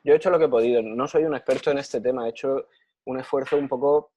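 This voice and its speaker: After a lecture, a Spanish man with a Spanish accent answers enthusiastically on a video call, repeating phrases for emphasis. His medium-pitched, steady voice is fast and dark in tone, and the muffled call audio carries a slight hiss or hum.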